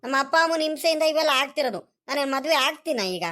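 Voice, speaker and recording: A woman's voice: high-pitched, fast talker, fairly bright tone. A woman voicing a young village husband in a comedy cartoon, anxious and full of repeated pleading questions. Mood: defensive.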